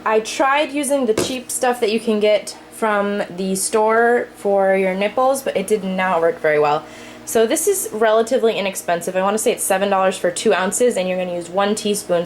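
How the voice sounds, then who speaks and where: A woman's voice: medium pitch, a little hiss or hum, poor audio. A young woman, a parent, chatting casually through an unscripted how-to demonstration at her kitchen sink, explaining as she works with plenty of fillers. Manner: chatty, lots of fillers, explains while working. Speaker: parent showing cloth diapering care.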